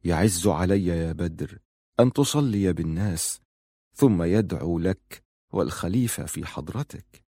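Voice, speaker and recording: A man's voice: on the low side, normal speed, pauses often, darkish tone, dry recording, close to an everyday voice. A man voicing an aggrieved male caliph, speaking in a subdued, reproachful way in an audiobook reading.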